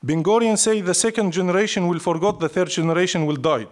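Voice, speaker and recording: Speaking quickly in a high voice, the man is a Syrian poet with a Syrian Arabic accent, Arabic being his first language. He answers a live interviewer with reflective storytelling and short, emphatic declarations.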